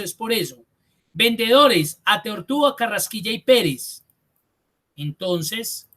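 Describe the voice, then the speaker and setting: A man's voice: high-pitched, pushed and bright. A man teaching an online spreadsheet class. He explains step by step, repeats key points and thinks aloud. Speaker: spreadsheet course instructor.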